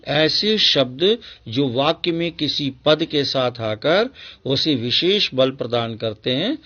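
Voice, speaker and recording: A man's voice: medium pitch, lo-fi sound. A male school teacher giving a patient grammar lesson to children, repeating each example sentence and explaining it step by step.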